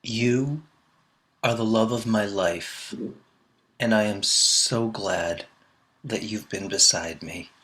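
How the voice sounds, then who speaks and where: A man in a played demonstration clip, saying personal phrases slowly and deliberately. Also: on the low side, pushed and bright, slightly rough, poor audio. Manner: slow, deliberate and emphatic.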